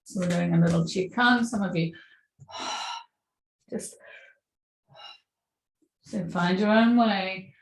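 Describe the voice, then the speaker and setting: Slow, gentle woman yoga instructor. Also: medium pitch, creaky. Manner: gentle, encouraging cues. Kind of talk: guiding a movement class. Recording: echoey room.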